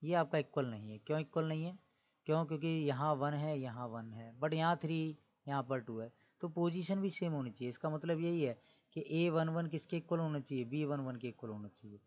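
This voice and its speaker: A man's voice: fairly high pitch, brisk, a little mellow, muffled recording. A man teaching maths in a classroom-style lecture, explaining step by step and asking his students questions as he goes. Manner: keeps adding the tag 'theek hai na'.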